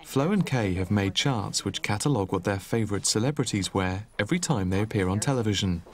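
A man narrating a documentary in a measured, even way. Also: on the low side. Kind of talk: scripted narration.

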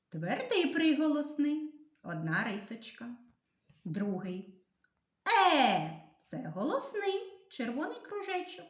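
Woman teacher, slightly high voice, slow and careful, reading letters for kids; roomy echo. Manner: slow, careful, instructive, clearly sounding out letters. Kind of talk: literacy lesson for young children. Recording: echoey room.

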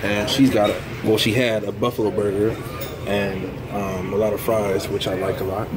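Casual young male vlogger, low-ish voice, joking, on noisy camera audio. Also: little pitch movement, moderate pace. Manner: joking, hiccuping, teasing. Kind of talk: casual vlog.

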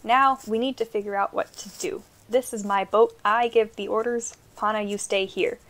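A woman's voice: medium pitch, fairly even intonation, moderate pace, fairly bright tone, lightly acted. A woman voicing a stubborn male boat captain who talks firmly and with authority, in a storybook reading. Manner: firm, authoritative.

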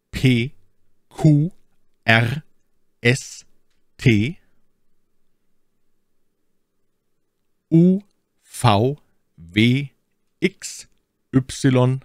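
A man's voice: medium pitch, no room sound, clean studio sound. A man teaching a language, spelling it out letter by letter and item by item in an instructional narration. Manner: spelling it out letter by letter with example words.

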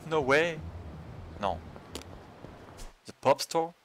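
A man's voice: on the high side, lively intonation, very slow, slight background noise. A man giving casual running commentary as he plays a video game, talking to himself with frequent hesitations. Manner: mumbled running self-talk with frequent hesitations. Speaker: let's play host.

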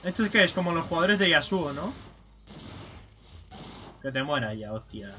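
A man giving casual let's-play commentary, swearing and yelling at enemies as he plays. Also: a little high, very animated, normal speed. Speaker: gaming streamer. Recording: slightly dull stream audio with game music.

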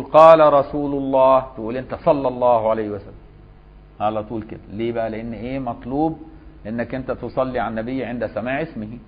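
A male Egyptian scholar gives a religious lesson, reading passages aloud and then unpacking them in relaxed colloquial speech. His voice sits at a middle pitch and the recording is slightly dull and lo-fi. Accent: Egyptian Arabic. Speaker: Islamic scholar teaching a fiqh lesson.

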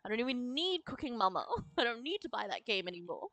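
A woman's voice: a little high, very animated, quick pace, a bit bright, dry recording, rough recording. A woman chatting casually to her viewers while playing a game, giggling often. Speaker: streamer. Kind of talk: casual gameplay chat.

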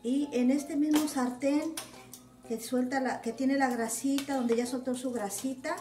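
Soft music plays behind a high-pitched woman who speaks at a measured pace in a steady, mellow tone. She's a home cook with a Mexican Spanish accent, casually narrating recipes step by step in a homely way full of diminutives, recorded in an echoey, roomy home space.

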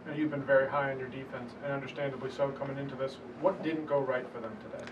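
Fast-talking reporter on a dull distant mic. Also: male voice, medium pitch, level tone. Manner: conversational, follow-up questions. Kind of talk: press conference question.

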